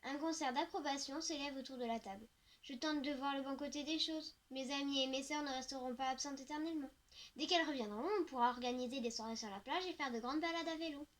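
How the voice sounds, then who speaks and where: Woman audiobook narrator; high-pitched, reflective first-person teen novel reading. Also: quick pace.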